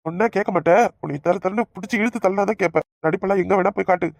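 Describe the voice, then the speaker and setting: An angry young village husband, voiced by a woman with a Kanyakumari Tamil accent, brushing off his wife with quick threats. The voice sits mid-pitch and is recorded close and dry, like a cartoon comedy dub. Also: creaky, dry recording, close to an everyday voice. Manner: angry, dismissive, shouting threats.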